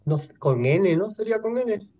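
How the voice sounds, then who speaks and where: A man's voice: high voice, expressive, normal speed, warm tone, lo-fi sound. A man taking part as a student in an online class, tentatively asking questions and checking his answers. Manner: tentative, asks for confirmation.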